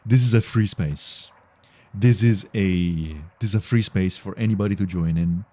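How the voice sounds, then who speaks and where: Deep and dark-toned, this man's voice moves at a moderate pace as he chats on a game livestream. He rambles and repeats himself, thinking out loud while gaming.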